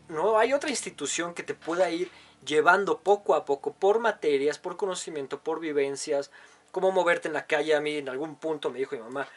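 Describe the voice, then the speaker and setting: A man's voice: fairly high pitch, slightly rough. A young man with a Mexican accent giving crude, joking, casual commentary on a video he is reacting to.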